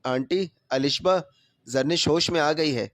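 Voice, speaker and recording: A man voicing a remorseful young husband who speaks softly and tearfully in a storybook reading. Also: a little high, no echo, lightly acted. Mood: grieving. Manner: soft and tearful.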